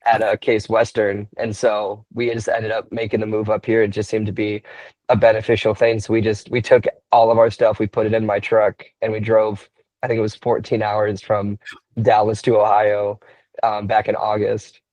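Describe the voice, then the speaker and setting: A young man in his twenties, a wrestler, answering interview questions in a relaxed way, thinking aloud with many fillers and restarts. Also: lowish voice, normal speed, no echo. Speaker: wrestler, podcast guest.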